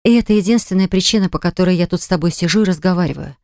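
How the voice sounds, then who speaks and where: A woman's voice: lowish voice, rapid-fire, a little mellow, no echo, lightly acted. A stern young mother speaks in clipped, cold phrases, firm and resentful, voiced by a woman reading an audiobook. The sound is dry and close, with no room around it. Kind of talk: audiobook dialogue.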